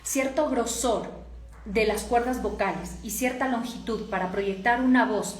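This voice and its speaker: A woman's voice: fairly high pitch, a little slow. A woman with a Latin American Spanish accent teaching a voice course, explaining step by step and often checking that listeners follow. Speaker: voice and speaking coach. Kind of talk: instructive course lecture. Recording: echoey room.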